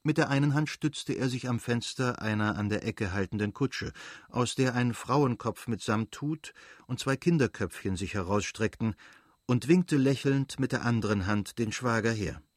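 A man giving a measured, even audiobook narration. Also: medium pitch, dry recording, clean studio sound.

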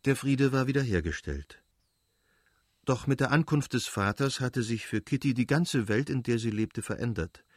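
A man narrating a classic novel as an audiobook in a measured, even way. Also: mid-range voice, no room sound, studio quality.

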